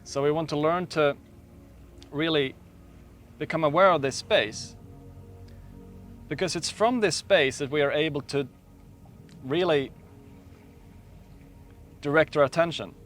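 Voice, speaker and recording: A man speaking as a meditation teacher, guiding a slow, calm meditation with long pauses. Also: fairly high pitch, faint music behind. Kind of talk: guided meditation talk.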